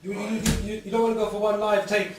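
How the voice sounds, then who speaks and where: A man's voice: sits high, level tone, quick pace, noisy background. A man, a percussionist, eagerly explaining his instruments and repeating himself in a studio session. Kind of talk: casual studio chat. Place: recording studio room. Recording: echoey room, mic at a distance.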